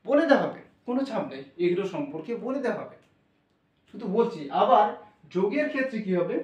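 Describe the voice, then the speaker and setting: A man's voice: sits high, big pitch swings, quick pace. A male maths teacher with a Bengali accent giving an informal, reassuring classroom lesson and thinking aloud as he explains. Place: classroom with blackboard. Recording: roomy, voice from a distance.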